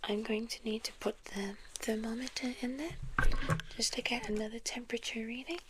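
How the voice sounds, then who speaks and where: A South African woman in a whispered role-play as a gentle, reassuring doctor, speaking softly and very close, right into the ear. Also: a little high, fairly even intonation, heavy background noise. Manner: gentle, reassuring, unhurried patter of an examiner. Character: polite, reassuring female doctor examining a patient. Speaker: ASMR performer playing a clinic doctor. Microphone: very close microphone.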